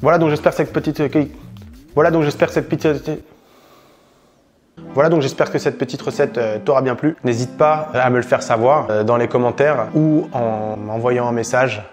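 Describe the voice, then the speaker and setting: A man's voice: mid-range voice, moderate pace, faint music behind. A man hosting a casual cooking tutorial in a home kitchen, playful, jokey and chatty. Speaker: cooking vlogger.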